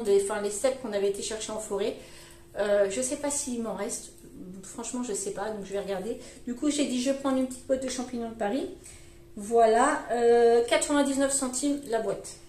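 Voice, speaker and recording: A middle-aged woman chatting casually to camera about her groceries, rambling with fillers and restarts, her voice shrill at times. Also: darkish tone, roomy sound. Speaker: vlogger. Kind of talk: casual grocery haul chat.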